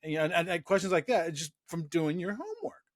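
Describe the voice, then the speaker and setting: A middle-aged man with a fairly high voice, recorded dry and close. He talks as a casual interview host, wandering through anecdotes and restarting his sentences often. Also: big pitch swings, quick pace, dry recording.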